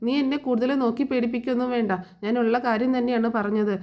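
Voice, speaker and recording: A woman's voice: fairly high pitch, steady tone, fast, mellow, close to an everyday voice. A woman reading out the lines of a scornful, suspicious middle-aged woman of the house, in a sneering, accusing manner.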